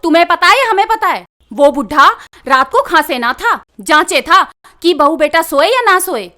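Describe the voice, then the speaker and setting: An actress with a Haryanvi accent playing a loud, quarrelsome village daughter-in-law who wails and scolds. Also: female voice, expressive, moderate pace, full character voice. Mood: scolding. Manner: shrill wailing and scolding.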